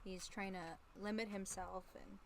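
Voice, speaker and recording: Young woman, chatty vlogger, giggles a lot, mid-pitched voice, faint background hiss. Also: steady tone, unhurried, creaky. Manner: giggly, chatty, laughs often. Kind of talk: casual chat.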